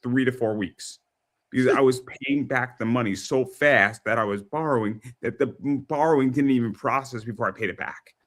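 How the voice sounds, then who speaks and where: Host, male, 30s, casual interview; excitable, stammers and repeats words; medium pitch. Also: moderate pace.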